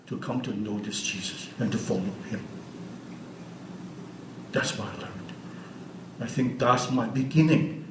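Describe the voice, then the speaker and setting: A man's voice: medium pitch, a little hiss or hum. Earnest sixty-year-old man in an echoey hall. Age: 60s. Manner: earnest, unscripted, asks the audience questions. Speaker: guest speaker. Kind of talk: church teaching talk. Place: church hall. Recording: roomy hall audio from a distance.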